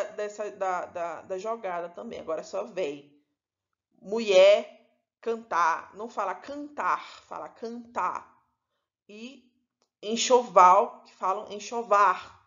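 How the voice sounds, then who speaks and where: A woman's voice: medium pitch, normal speed, fairly bright tone, dull audio. A woman from Pará with a Paraense Brazilian accent, teaching a recorded lesson in an explanatory way, often adding "né" and correcting herself mid-phrase. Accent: Paraense Brazilian Portuguese. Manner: explanatory, with frequent "né" and self-corrections.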